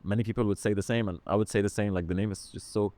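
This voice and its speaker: A man's voice: fairly low pitch, steady tone, a little mellow, no echo. Earnest man, dry close sound. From Syria. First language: Arabic. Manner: halting, searching for words, earnest. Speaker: podcast host. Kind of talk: reflective podcast conversation.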